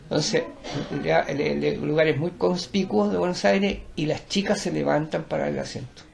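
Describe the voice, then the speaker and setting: An older Chilean man, a teacher and performer, gives a rambling conversational interview, lecturing and digressing with many restarts. His voice is somewhat high, steady, and creaky at normal speed, with a crowd audible behind him.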